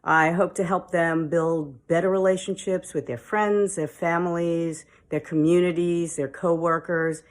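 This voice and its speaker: Low-voiced, eager woman tutor. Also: steady tone, measured pace, few pauses. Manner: upbeat, eager, talkative. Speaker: volunteer literacy tutor. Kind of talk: recorded video message.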